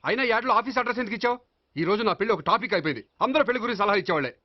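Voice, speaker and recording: An actor playing an exasperated young bachelor who works as an assistant manager. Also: male voice, sits high, expressive, highs cut off. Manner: exasperated, quick retorts.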